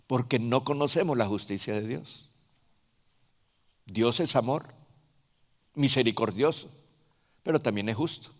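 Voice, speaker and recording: A man preaching a sermon in a Honduran Spanish accent, speaking slowly and emphatically, with sudden loud rises and soft drops. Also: mid-range voice. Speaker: apostle preaching. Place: large church hall. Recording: reverberant church hall.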